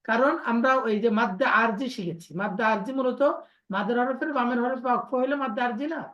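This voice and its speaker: A woman teacher with a fairly high voice leads an online lesson. She explains the pronunciation of letters patiently and drills her students through repetition. The audio is dull and lo-fi, like a call recording. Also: quick pace, fairly bright tone. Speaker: Quran recitation teacher.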